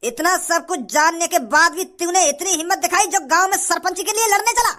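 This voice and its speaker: A bullying male village bandit from a cartoon, threatening and full of brag, with a woman doing the voice. His voice sits very high. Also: brisk, bright, forceful tone. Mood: menacing. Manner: threatening, bragging. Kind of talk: cartoon voice acting.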